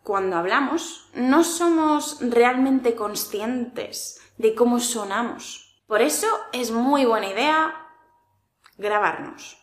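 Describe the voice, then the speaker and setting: A woman with a Spanish accent from Spain, giving a language lesson in a clear, deliberate, coaching tone. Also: fairly high pitch, expressive. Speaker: Spanish teacher. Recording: echoey room.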